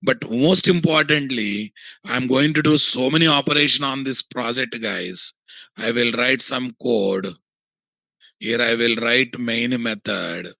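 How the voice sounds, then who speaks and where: A man with a Telugu Indian English accent giving a software tutorial, thinking aloud and often asking questions that he answers himself. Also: mid-range voice, a little slow, vocal fry, no echo. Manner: asks and answers his own checking questions.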